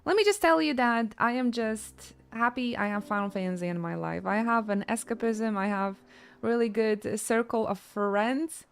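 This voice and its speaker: A woman's voice: fairly high pitch, normal speed, vocal fry, smooth. A woman from Poland, chatting casually with her stream in a joking, self-mocking way. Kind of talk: casual chat with chat readers.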